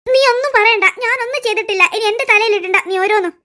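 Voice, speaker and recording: A voice artist playing a loud, muddled middle-aged cartoon auntie, who stammers when flustered. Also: extremely high pitch, fast talker. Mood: defensive. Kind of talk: cartoon voice acting.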